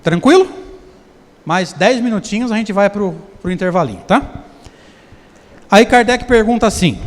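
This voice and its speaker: A man with a Brazilian Portuguese accent giving a conversational seminar lecture, often putting questions to the audience. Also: sits high. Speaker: spiritist lecturer. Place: lecture hall. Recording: long hall reverb.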